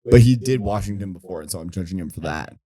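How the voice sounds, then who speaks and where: A man's voice: deep voice, lively intonation, fast, warm tone. A young man co-hosting a podcast, chatting casually and teasing his friends. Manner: joking, teasing banter. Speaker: podcast co-host. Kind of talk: casual chat.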